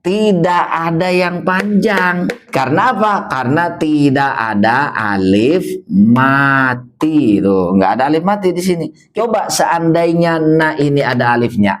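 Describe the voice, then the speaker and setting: A man teaching a beginner Quran reading lesson, asking questions and answering them himself, and drawing words out slowly when he models the recitation. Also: on the high side, lively intonation.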